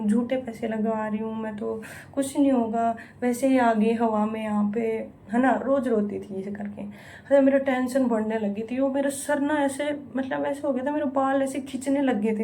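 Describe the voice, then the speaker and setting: A woman's voice: high voice, warm tone, slight background noise. A young woman from India vlogging, telling a frank, rambling and emotional story in casual confessional talk, with a recurring filler word. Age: young adult. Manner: emotional, repeats "यूँ" often, frank and rambling.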